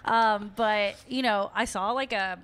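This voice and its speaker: A woman's voice: medium pitch, fairly even intonation, a little slow, fairly bright tone, clear, resonant tone. This is a woman co-hosting a casual sports podcast. She is chatty and upbeat and laughs easily, in an ordinary mid-range voice. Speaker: podcast co-host.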